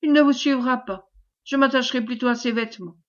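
A woman's voice: a little high, normal speed, muffled recording, close to an everyday voice. Scheming old woman feigning terror, read by a woman. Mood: pleading. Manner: pleading, theatrical.

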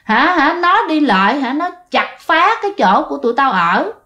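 A woman's voice: high-pitched, sing-song, moderate pace, sharp tone, muffled recording, full character voice. A woman putting on a threatening tree demon. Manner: threatening, demanding, scornful. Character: menacing cackling tree demon possessing an old village woman.

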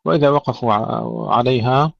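A man teaching a tajweed lesson, reciting words slowly to demonstrate and correcting common mistakes. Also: medium pitch, creaky, dry recording. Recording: dry, dull lo-fi audio.

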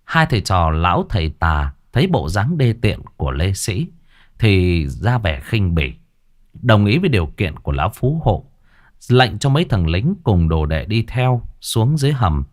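Lively male horror storyteller. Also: lowish voice, normal speed. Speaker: narrator. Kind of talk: dramatic horror audiobook narration.

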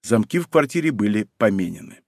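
A man narrates a novel with lively pitch and expressive delivery. The recording is dry, close and clean. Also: fairly quick, vocal fry, no echo. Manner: expressive storytelling. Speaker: audiobook narrator. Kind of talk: scripted narration.

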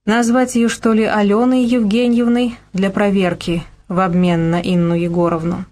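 Brief: female audiobook narrator, mid-pitched, wry first-person delivery. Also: little pitch movement, moderate pace, a little mellow. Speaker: audiobook reader.

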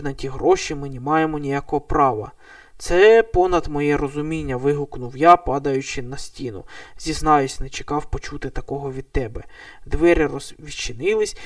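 A man's voice: a little high, dry recording, distant mic. Man reading a novel aloud. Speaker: audiobook narrator. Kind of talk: audiobook narration of a novel, voicing all characters.

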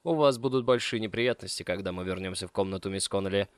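A man voicing a confident, commanding male lover who speaks firmly and a little loudly. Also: sits low, fast, clear, resonant tone, dry recording, clean studio sound, lightly acted.

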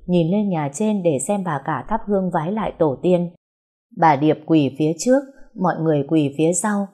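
A woman narrating an audio story in a calm, even manner. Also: on the low side, breathy edge.

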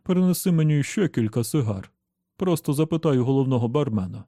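A man voicing a jovial, smooth-talking middle-aged bishop with a hearty, preacherly manner. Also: mid-range voice, animated, brisk, dark tone, no echo, studio quality, close to an everyday voice.

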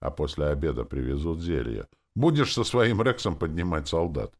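A man voicing a stately, grumbling male druid who speaks in a booming way in an audiobook. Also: lively intonation, moderate pace.

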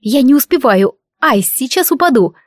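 A woman's voice: sits high, lively intonation, moderate pace, dry recording, studio quality, voice pushed up. Woman doing a breathless pleading young heroine.

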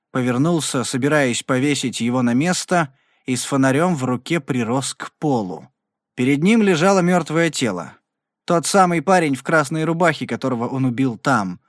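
A man reads a scripted audiobook narration in an even storytelling manner. His mid-range voice moves at normal speed, captured with clean studio sound and no room sound.

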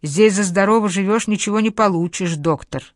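A woman reading an audiobook, voicing a sick, feverish man who hoarsely and desperately begs a doctor for help. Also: medium pitch, a little fast, dry recording, studio quality, lightly acted. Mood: pleading. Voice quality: hoarse, strained. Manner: pleading, agitated. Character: feverish sick male gambler, desperate and stubborn. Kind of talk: audiobook character voice.

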